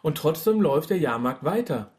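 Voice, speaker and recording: A man's voice: on the high side, sing-song, fairly quick, darkish tone. A man co-hosting a casual podcast chat, talking with frequent fillers and restarts. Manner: chatty, hesitant with fillers and restarts. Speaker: podcast co-host. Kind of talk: casual chat reviewing a radio play.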